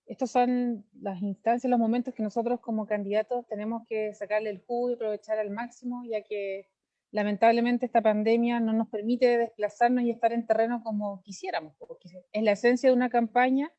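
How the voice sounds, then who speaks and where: A Chilean lawyer and candidate in her thirties answers interview questions over a video call, fluently and earnestly, giving long detailed replies. Her voice is a little high with a dark tone, fairly even intonation, and a fairly quick pace; the recording has no echo, and the highs are cut off.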